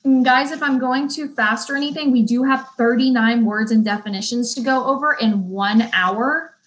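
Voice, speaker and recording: A young woman teaching an online beauty school lesson, reading definitions slowly and chatting between them with easy laughs. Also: on the high side, fairly bright tone, rough recording. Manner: chatty, laughs easily, stumbles and restarts; reads definitions slowly, then chats. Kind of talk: live online vocabulary lesson.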